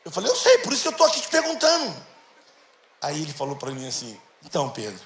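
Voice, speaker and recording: A middle-aged man, telling stories in a church sermon and acting out the dialogue in a lively, slangy way. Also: a little high. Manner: animated, slangy, acts out dialogue. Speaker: guest preacher. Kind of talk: storytelling sermon. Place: church hall. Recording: echoey church hall, faint noise.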